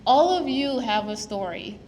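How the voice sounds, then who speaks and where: A woman's voice: on the high side, animated, a little slow, a little mellow. Woman from Guyana, earnest storyteller, speaking to a crowd, reverberant hall, light background hiss. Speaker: preservation advocate speaking at a museum. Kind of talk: public talk to an audience. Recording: long hall reverb, faint noise.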